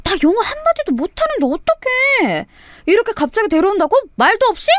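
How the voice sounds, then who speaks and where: A woman voicing a flustered young female friend who fires off quick, startled questions. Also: sits high, sing-song, darkish tone, dry recording, clean studio sound, heavily acted.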